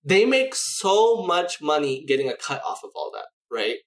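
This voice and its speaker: A man's voice: fairly high pitch, big pitch swings, normal speed, a bit bright, echoey room. A man co-hosting a casual gaming podcast, rambling through his points with many restarts and "you know"s. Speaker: podcast co-host.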